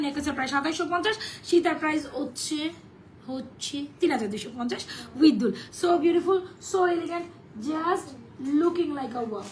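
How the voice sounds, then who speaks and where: Hoarse, fast, high-pitched Bangladeshi saleswoman. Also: a bit bright, a little hiss or hum. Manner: chatty, mixes English sales phrases. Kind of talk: live sales stream.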